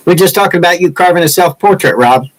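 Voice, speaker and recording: This man in his sixties from Massachusetts, USA, has no regional accent and hosts a woodcarving livestream, chatting casually in a joking, teasing, rambling way with his viewers. His voice sits high and moves at a quick pace, and the audio is poor.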